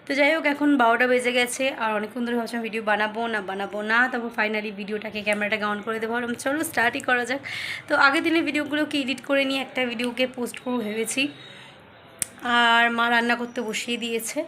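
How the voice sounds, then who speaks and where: A hoarse young woman chatting casually about her day as she narrates her vlog. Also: a little high, fast talker, sharp tone, slight background noise. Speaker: vlogger.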